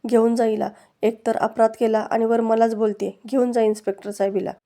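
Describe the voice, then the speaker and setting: A woman's voice: level tone, a little fast, mellow, natural voice. A woman reading a scheming villainess. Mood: fake grief. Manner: mocking, threatening in low tones.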